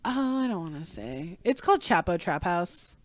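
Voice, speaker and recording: Animated woman from Texas in casual chat. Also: fairly low pitch, normal speed. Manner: lively, filler-heavy, laughing.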